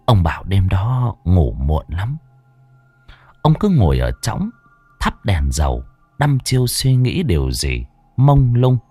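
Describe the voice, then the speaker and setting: A man's voice: sits low, huge pitch swings, takes it slowly, mellow, breathy edge, dry recording. A man narrating a ghost story in a dramatic, scripted way. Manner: dramatic, swooping storytelling delivery. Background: faint background music.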